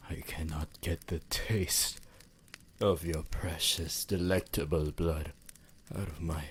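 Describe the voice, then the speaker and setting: In an intimate ASMR roleplay, a man voices an ancient, possessive and refined vampire lover, using formal, theatrical phrasing broken by pauses. His low, husky voice is a bit bright and heavily acted, with a wistful, savoring mood.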